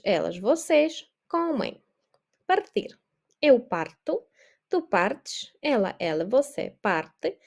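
A woman's voice: medium pitch, darkish tone. A woman teaching a language lesson, explaining grammar patiently and checking in with her listeners.

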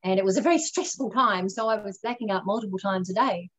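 A woman who is a radio interview guest, telling her own story earnestly and reflectively and slowing down on the lessons she wants to land. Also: medium pitch, fairly bright tone, slightly rough, rough recording. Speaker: guest speaker.

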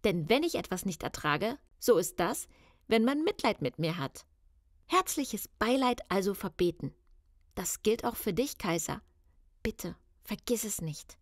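A woman's voice: mid-range voice, very animated, a little slow, no echo, clean studio sound. A woman reading a children's audiobook in a confiding, wry first-person voice. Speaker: audiobook narrator.

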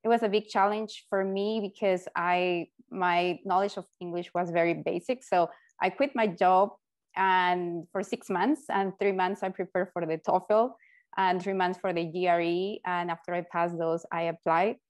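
A woman's voice: fairly low pitch, fairly even intonation, normal speed. A middle-aged woman from Peru with a Peruvian Spanish accent, earnestly telling her story as a panelist on a video call, often repeating words as she finds them. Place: home office. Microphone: earphones on a video call.

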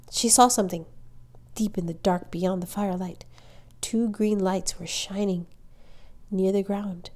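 A woman reading a children's novel aloud as a storyteller, with measured, expressive narration. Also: lowish voice.

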